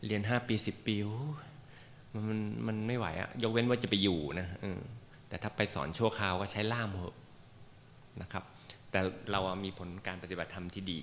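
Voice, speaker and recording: A man with a somewhat low voice gives an informal lecture to a class, chatty and joking, with plenty of fillers. His voice rings with the long reverb of a hall, and a faint hiss of noise sits underneath. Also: fairly even intonation, fairly quick, fairly bright tone. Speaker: meditation teacher.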